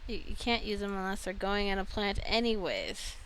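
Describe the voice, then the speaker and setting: Over slight background noise, a woman video game streamer and host gives casual commentary, chatting and thinking aloud as she reacts to what she finds. Her mid-range voice is a bit bright, with lively intonation and a moderate pace.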